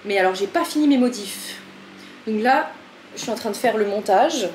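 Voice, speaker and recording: In an animated, slightly mellow mid-range voice at a moderate pace, a woman vlogger films her everyday life in her home kitchen. She chats in a frazzled, self-deprecating way and keeps turning to talk to her cat, while the kitchen echoes with faint room noise.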